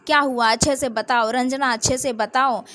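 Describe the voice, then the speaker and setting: A woman's voice: high voice, steady tone, normal speed, a bit bright. A woman voicing a protective, earnest young man in a read-aloud story, speaking insistently.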